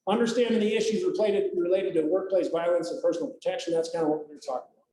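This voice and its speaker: A man's voice: high voice, fast, warm tone. A middle-aged man, a police trainer, giving a casual, chatty safety training talk to a group at a workplace, often checking in with "right?". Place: large room at a workplace, in front of a group. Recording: very echoey room, faint noise.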